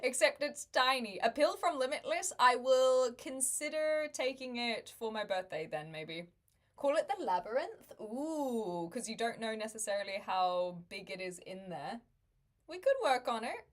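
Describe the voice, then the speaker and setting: A woman's voice: a little high, expressive, measured pace. A woman, chatting casually with viewers on a livestream, laughing often and making wry asides. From New Zealand. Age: 20s.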